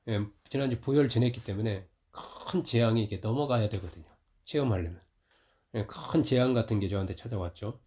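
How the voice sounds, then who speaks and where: A middle-aged man preaches in a church with a conversational, storytelling delivery. His voice sits at an ordinary middle pitch, and he grows louder and more heated when he recounts a confrontation. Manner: storytelling, rising loud when retelling conflict. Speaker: pastor. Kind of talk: conversational sermon.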